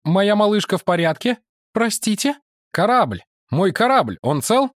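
A man voicing an injured, hot-tempered male pilot who frets and curses loudly. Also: sits high, sing-song, measured pace, no room sound, studio quality, pitched above the performer's own voice. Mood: anxious. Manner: agitated, cursing, shouting.

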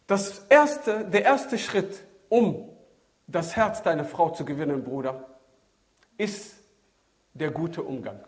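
A man giving a sermon to a seated audience, swinging from loud exclamations to low murmured phrases. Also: takes it slowly, pauses often. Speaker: preacher. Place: lecture hall with seated audience.

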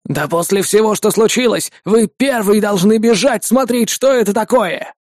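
A man's voice: sits high, normal speed, no echo, studio quality, lightly acted. A man voicing an agitated, indignant male doctor who lectures and pleads.

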